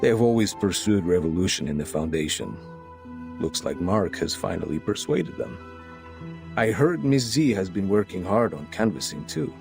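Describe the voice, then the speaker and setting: An actor playing a male underling who delivers a sober, measured report to his superior in a game, with a gravelly voice. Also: low-pitched, expressive, darkish tone. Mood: calm. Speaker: game character. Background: game music.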